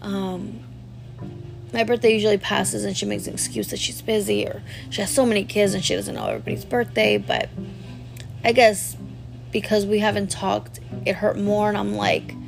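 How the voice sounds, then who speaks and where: Candid, gravelly-voiced woman in her thirties. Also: mid-range voice, animated, moderate pace, faint music behind. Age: 30s. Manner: rambling, full of "like" fillers, candid; addresses viewers directly. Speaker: vlogger. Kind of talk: personal storytelling to camera.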